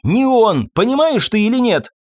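Мужчина-чтец изображает озлобленную, язвительную женщину средних лет, официантку, которая кричит и пилит мужа. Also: male voice, sing-song, a little slow, no room sound, clean studio sound, exaggerated voice. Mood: furious. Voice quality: high, sharp and shouting. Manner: scornful, nagging outbursts. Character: shrill, bitter, scolding middle-aged woman waitress.

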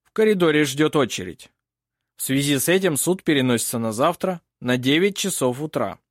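A man's voice: fairly high pitch, lively intonation, fairly quick, no echo, clean studio sound, close to an everyday voice. A man as a stern curt judge.

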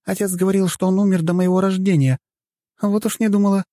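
An outspoken, impatient young princess with a raised voice, as a male narrator puts her on. The tone is mellow and dry. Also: high voice, steady tone, quick pace, dry recording, pitched above the performer's own voice, natural voice. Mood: excited. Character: fiery young female princess.

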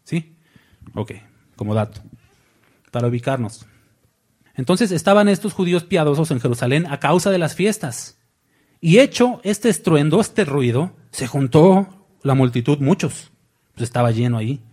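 A man's voice: a little high, expressive, normal speed, pauses often, darkish tone, slightly rough. A man preaching a sermon, reading scripture aloud and asking his congregation questions that he answers himself.

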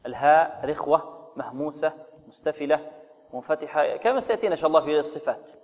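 A man teaching Quran recitation rules, explaining slowly, asking rhetorical questions and modeling recited examples. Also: on the high side, expressive, big-room sound, dull audio. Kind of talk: tajweed lesson with recited examples.

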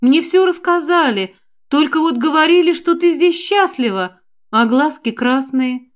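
This is a gentle middle-aged mother from an audiobook, soft and warm with her daughter but firm when she worries, read by a woman. Her voice sits a little high. She speaks with calm, motherly care. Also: measured pace. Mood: tender. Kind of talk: audiobook character voice.

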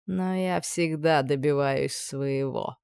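A woman voicing a scheming, menacing older male judge with a low, insinuating purr. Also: takes it slowly, vocal fry, a little mellow, smooth, no echo, clean studio sound, heavily acted.

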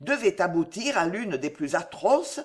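A woman reading a historical novel aloud as an audiobook narrator. Her pitch is animated and varied, and she tells the story dramatically. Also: a little slow.

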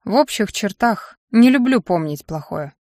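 A woman's voice: medium pitch, animated, normal speed, dark tone, dry recording, lightly acted. A woman putting on a cocky young man, offhand drawl, mumbling, audiobook, dry close sound. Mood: hesitant. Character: wary young man, brash and casual.

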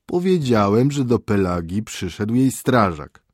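A man's voice: lowish voice, very animated, unhurried, no room sound, studio quality, voice pushed up. A man doing a grumpy sleepy husband. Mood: irritated. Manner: grumbling, dismissive. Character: sleepy grumpy middle-aged husband, a prosecutor's aide. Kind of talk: audiobook character voice.

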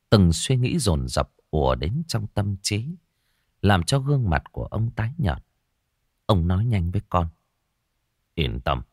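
A man from Northern Vietnam narrating a ghost story slowly and dramatically, dropping to a hush at tense moments. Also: deep voice, dry recording, clean studio sound.

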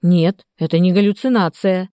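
A woman's voice: fairly low pitch, normal speed, warm tone, no room sound, clean studio sound, lightly acted. Woman doing a desperate pleading man. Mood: eager. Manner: pleading, raised and urgent.

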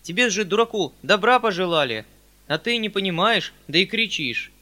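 A kindly old country landowner, played by a man reading a novel aloud, fussing and hurrying over his words. The voice is bright and forceful, pitched above the reader's own and noticeably louder. He pleads and excuses himself constantly. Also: big pitch swings. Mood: defensive. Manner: hurried, fussy, pleading.

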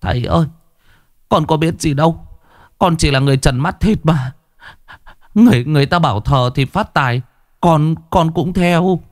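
A man's voice: lowish voice, big pitch swings, slow, warm tone, no echo, studio quality. A man voicing a terrified wealthy middle-aged man who stammers and pleads on the edge of tears in a spoken ghost story. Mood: panicked pleading.

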